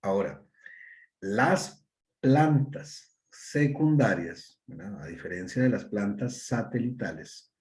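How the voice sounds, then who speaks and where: A man giving a university lecture, tagging his points with "¿verdad?" and pausing on "eh" fillers as he works through examples. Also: fairly low pitch, animated, darkish tone. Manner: explains with many rhetorical "¿verdad?" tags and hesitant "eh" fillers; acts out brief customer dialogues in his examples. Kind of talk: classroom lecture.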